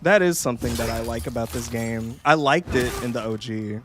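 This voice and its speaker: Over a noisy background, a young man streams a game and chats casually in a jokey, profane, rambling way, slipping into mocking voices. His mid-range voice moves briskly.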